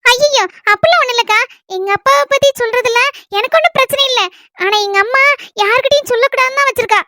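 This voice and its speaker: A woman from Kanyakumari playing a soft-spoken, polite young woman in a comedy skit, with a noisy recording. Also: very high-pitched, quick pace, no room sound, clean studio sound. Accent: Kanyakumari Tamil. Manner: soft, polite, often tearful. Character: young woman, gentle and sorrowful. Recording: noisy background hiss.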